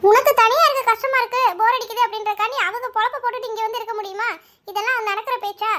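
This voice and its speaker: A woman's voice: very high-pitched, steady tone, quick pace, pushed and bright. A woman voicing a firm cartoon matriarch. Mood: firm, comforting. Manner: firm, scolding yet comforting. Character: older mother, caring family matriarch.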